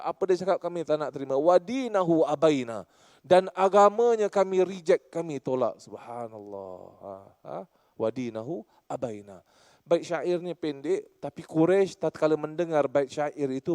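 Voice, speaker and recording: A male religious teacher delivers an animated lecture, often calling out to his congregation. His voice sits on the higher side. The sound is dry and close, with little room echo. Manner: animated storytelling, addresses the congregation. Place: mosque.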